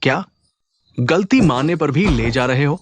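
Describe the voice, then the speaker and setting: A man's voice: a little high, expressive, measured pace, slightly rough, no room sound. A man doing a blustering cowardly bully. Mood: pleading. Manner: blustering, threatening, then pleading. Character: cowardly male bully, blustering then groveling. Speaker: dub voice actor. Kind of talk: Hindi drama dubbing.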